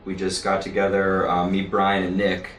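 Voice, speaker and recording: Man, very low voice, guitarist, hesitant, lots of ums, distant echoey sound. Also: completely flat delivery, a bit bright, a little hiss or hum. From Florida. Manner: hesitant, many "um" and "uh" pauses. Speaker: rhythm guitarist, band guest. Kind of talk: casual radio interview. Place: radio studio.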